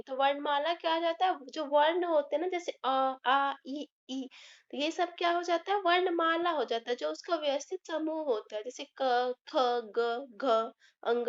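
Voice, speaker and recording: A woman teaching a grammar lesson, asking questions and answering them herself. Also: sits high. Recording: slightly dull lo-fi recording.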